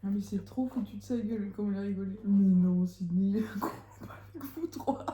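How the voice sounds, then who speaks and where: A young woman with a warm, mellow voice chats with a friend, laughing easily and cursing casually. The sound bounces around an echoey room, with faint noise behind her. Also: medium pitch, brisk. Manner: giggly, swearing, joking. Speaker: vlogger. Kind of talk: late-night casual chat.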